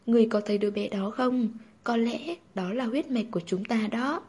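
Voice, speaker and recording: A woman's voice: fairly high pitch, a little fast, darkish tone, husky. A woman reading the lines of an old noblewoman with grey hair in a storybook narration, asking urgent questions. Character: grey-haired old noblewoman, proud then anxious.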